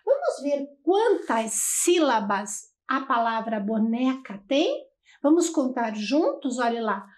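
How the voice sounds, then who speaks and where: A woman's voice: sits high, very animated, takes it slowly. A woman with a Brazilian Portuguese accent teaching a televised lesson for young children, spelling out syllables in an encouraging sing-song way.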